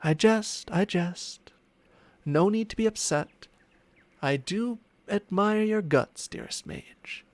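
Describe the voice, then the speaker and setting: Speaking slowly in a high-pitched voice, a man plays a smug, possessive ancient dragon in human form for an intimate ASMR roleplay. He teases and condescends using formal, archaic phrasing. It's a dry, close-miked spatial ASMR recording.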